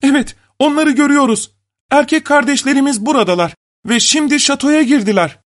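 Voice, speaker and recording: A man voicing young sisters who call out from castle walls in a high voice. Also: a little fast, darkish tone, lightly acted. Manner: high, calling out.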